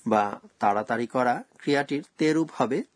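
A man presenting a scripted radio language lesson, explaining grammar rules slowly and carefully. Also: medium pitch, no room sound.

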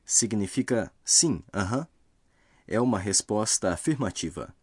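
A man narrating a scripted language lesson, explaining grammar rules slowly and carefully. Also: fairly low pitch, animated, husky, dry recording, studio quality.

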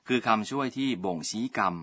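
A man's voice: mid-range voice, brisk, fairly bright tone. A man teaching a radio language lesson, politely explaining each word in turn.

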